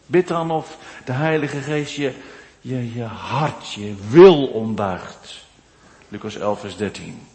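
A male preacher delivers a sermon at a very slow, weighty pace, his voice swelling from hushed low phrases to loud declaiming. His words ring out in a church with a long, trailing reverb. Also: expressive.

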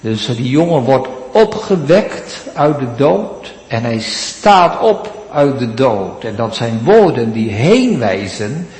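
A man preaching a sermon to his congregation, with dramatic pauses and rising emphasis. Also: medium pitch, a little mellow. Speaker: pastor. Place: church. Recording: echoey church hall.

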